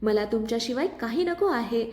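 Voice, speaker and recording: A woman's voice: a little high, animated, normal speed, a little mellow, lightly acted. A woman reading the lines of a fierce, emotional young heroine, defiant through tears, in an echoey room. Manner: defiant and tearful.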